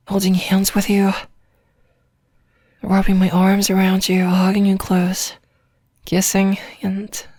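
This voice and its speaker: A woman performing an ASMR role-play as a sleepy, lovesick girlfriend, rambling softly and intimately as if leaving a voice message. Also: medium pitch, dry recording, clean studio sound. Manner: soft, drowsy, intimate, rambling with pauses.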